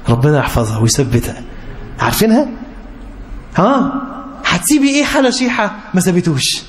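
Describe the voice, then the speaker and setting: A man preaching a sermon in an Egyptian Arabic accent, pleading with young listeners and rising to high, emphatic appeals. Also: a little hiss or hum.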